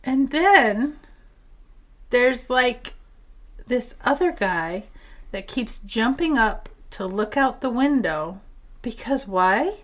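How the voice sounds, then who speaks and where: A woman co-hosting a podcast, chatting casually about a film in an animated, exasperated way and laughing often. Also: on the high side, slow pace, long pauses. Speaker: podcast co-host. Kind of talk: casual chat reviewing a film.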